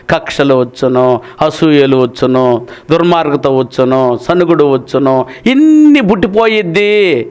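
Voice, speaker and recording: A male pastor preaching a sermon in an animated way, firing rhetorical questions and calling his listeners "nayana". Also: on the high side, clean tone.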